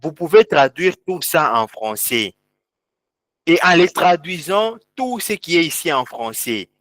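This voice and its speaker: A man's voice: a little high, very animated, measured pace, fairly bright tone, no room sound. A man teaching a live online class, guiding students step by step through on-screen settings and repeating key words. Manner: repetitive, step-by-step pointing at screen. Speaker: instructor.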